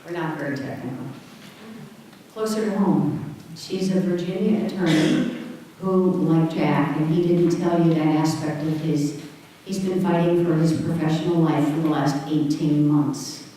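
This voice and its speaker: A woman's voice: low voice, steady tone, measured pace, warm tone, a little hiss or hum. An older woman moderating a panel, introducing a speaker in earnest, rambling speech. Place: conference hall. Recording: echoey hall, distant mic.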